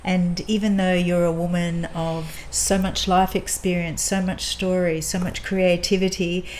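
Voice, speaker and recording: A woman hosts an interview in a guest's home, asking gentle questions and restarting them as she goes. Her voice sits a little low. Faint background noise runs beneath her. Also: level tone, a little slow. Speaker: podcast host. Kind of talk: interview conversation.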